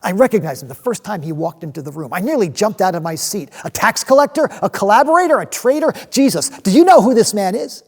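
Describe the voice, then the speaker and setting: A man performs a fervent zealot disciple, a restless man of action, in a dramatic stage monologue. The voice sits fairly high for a man, with a gravelly, husky grain. He tells his story haltingly, doubling back on words and leaning hard on the ones that matter. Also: lively intonation, darkish tone, heavily acted. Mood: wry, earnest. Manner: halting, emphatic delivery with repeated words and swells.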